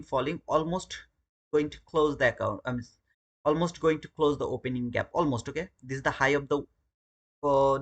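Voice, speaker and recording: A Bangladeshi man with a Bangladeshi English accent hosts a live trading stream, giving commentary and chatting casually with viewers while often repeating words. His voice is fairly high and fairly bright.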